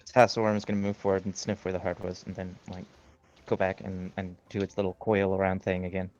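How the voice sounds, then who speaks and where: A man's voice: sits low, level tone, quick pace, darkish tone, highs cut off, soft background music. A man running a tabletop game as game master, describing the scene in a loose, rambling way with many fillers.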